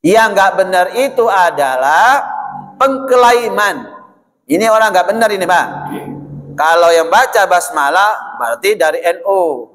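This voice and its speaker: A man preaching in a folksy, conversational way, his voice sitting high for a man. He keeps checking in with his listeners as he goes. Long reverb from the mosque hall trails behind each phrase. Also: lively intonation, a little slow, a bit bright. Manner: folksy, addresses the audience as "Pak", often adds "ya". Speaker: ustadz giving a mosque lecture. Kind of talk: sermon.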